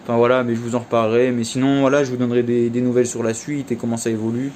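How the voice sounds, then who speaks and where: A young man talks through his day in a relaxed, slangy vlog ramble, leaning on fillers as he goes. His voice is mellow and warm. There is a faint hiss under the recording. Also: medium pitch, very fast. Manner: chatty, slangy, many fillers like "en fait". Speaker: vlogger. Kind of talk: casual storytelling vlog.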